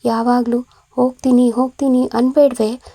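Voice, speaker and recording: A woman's voice: on the high side, level tone, normal speed, mellow, dry recording. A woman voicing a doting middle-aged mother who is tearful and scolding. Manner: emotional, scolding.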